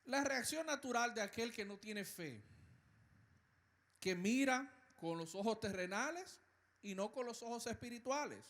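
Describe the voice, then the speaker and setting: A male pastor with a Dominican accent preaching a sermon, slow and emphatic, with dramatic pauses and hushed, gentle passages. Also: very high voice, expressive. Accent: Dominican Spanish.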